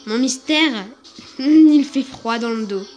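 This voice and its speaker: A woman's voice: sits high, takes it slowly, darkish tone, muffled recording, faint music behind. A woman voicing a theatrical young man who plays up his mystery, in a toy video role-play. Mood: dramatic. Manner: dramatic, self-important.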